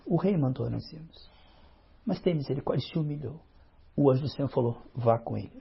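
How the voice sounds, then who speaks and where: A man's voice: creaky, breathy edge. A man preaching a sermon in church, retelling a scripture story and acting out its dialogue. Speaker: pastor. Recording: muffled low-fidelity recording.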